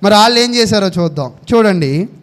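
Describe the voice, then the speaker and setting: High-voiced man preaching a sermon. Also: animated, fairly quick. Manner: asks questions and answers them himself; reads out Bible verses.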